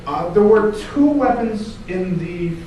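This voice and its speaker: A man's voice: high-pitched, animated, slow. A man co-hosting a casual, opinionated video game retrospective. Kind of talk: casual chat commentary. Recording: very echoey room, distant mic, noisy.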